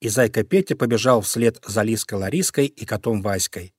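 A man narrating a children's storybook in a calm, expressive manner. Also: fairly low pitch, normal speed, husky, no room sound, studio quality. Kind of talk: storybook reading.

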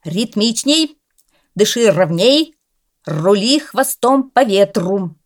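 A woman voicing a bossy, hot-tempered male cat who coaches a dog, shouting indignantly in a storybook reading. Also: mid-range voice, big pitch swings, unhurried, pitched above the performer's own voice. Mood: commanding.

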